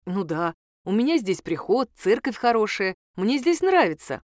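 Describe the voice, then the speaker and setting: A woman's voice: medium pitch, big pitch swings, moderate pace, darkish tone, dry recording, natural voice. A woman voicing a bearded village priest, a blunt, hot-tempered man with folksy, scolding speech, in a dry recording. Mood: plain.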